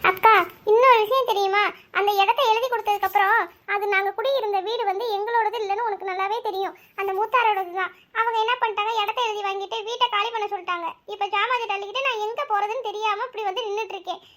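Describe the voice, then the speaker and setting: A woman's voice: very high-pitched, steady tone, fast, a bit bright. A woman doing tearful cartoon aunt. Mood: distressed. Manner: tearful, pleading. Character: distressed aunt Selvi, wronged wife.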